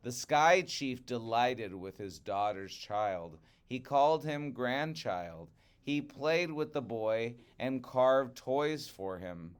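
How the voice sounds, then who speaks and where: A man's smooth, mid-range voice carries a picture-book story for young listeners. As the storyteller, he reads deliberately, expressively and with dramatic stress.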